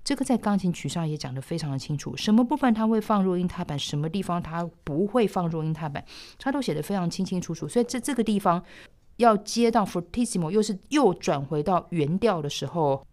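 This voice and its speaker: Soft-spoken woman teaching piano. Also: lowish voice, animated, brisk. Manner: thoughtful, explains step by step, sometimes trails off softly. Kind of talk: explaining a piano score. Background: piano playing.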